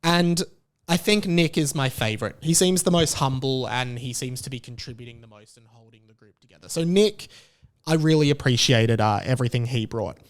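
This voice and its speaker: In a casual podcast monologue, a young Australian host talks in a chatty, jokey, opinionated way. His mid-range voice moves briskly.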